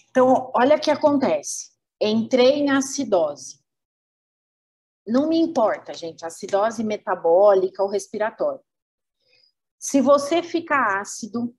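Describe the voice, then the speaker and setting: Slow, husky Brazilian woman lecturing. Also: fairly high pitch, a little mellow. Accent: Brazilian Portuguese. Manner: didactic, rhetorical questions, acts out organs. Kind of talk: webinar lecture.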